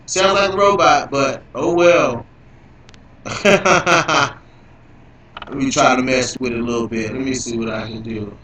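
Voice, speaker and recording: A man's voice: mid-range voice, measured pace, long pauses, bright, forceful tone, a little hiss or hum. Robot-glitched man, very echoey. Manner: loose, profane, repeats himself a lot. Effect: clangy robotic glitch on the voice. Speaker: livestream host. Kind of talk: casual live stream chat. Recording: robotic, echoey, distant computer mic.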